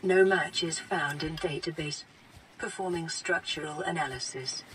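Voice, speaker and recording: A gentle care robot AI. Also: female voice, low voice, slight background noise, rough recording. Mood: calm report. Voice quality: even, measured, clinical. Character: calm female onboard AI, a gentle caretaking machine. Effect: smooth synthetic computer voice. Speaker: in-game computer assistant. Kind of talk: scripted game voice-over. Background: game music.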